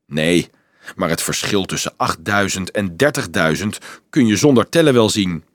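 A man's voice: low-pitched, normal speed, no room sound, studio quality. A man voicing a mocking, worldly young male student in an audiobook. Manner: mocking, animated.

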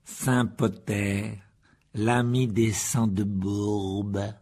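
A scornful pure-blood boy wizard, put on by a male reader, gloating over others in a low, gravelly voice. The sneer stays in every word, arrogant and self-satisfied. It is a storybook reading rather than a full performance. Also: steady tone, brisk, a little mellow.

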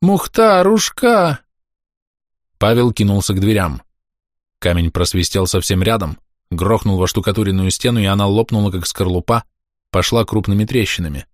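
A man narrating a dark story in a measured, tense manner. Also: low voice, fairly even intonation, no echo, clean studio sound. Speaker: audiobook narrator. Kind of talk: dramatic audiobook narration.

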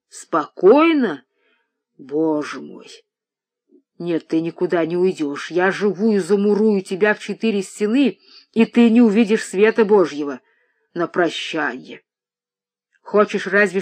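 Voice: mid-range voice, natural voice. A reader voicing a furious grey-haired old father. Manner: outbursts of shouting and moaning. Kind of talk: audiobook reading.

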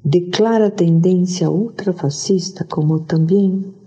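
A woman who is a public health doctor, answering as an interview guest slowly and deliberately over a remote connection. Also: on the low side, dark tone. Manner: slow, deliberate, restates the question. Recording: dull lo-fi remote line.

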